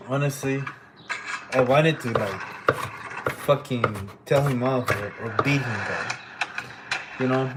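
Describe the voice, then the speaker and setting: A mid-range male voice, heavily buried in noise, belongs to a native speaker from Honduras who has lived in Canada since age twelve. Hosting a livestream, this painter chats casually and rambles, swearing plenty along the way.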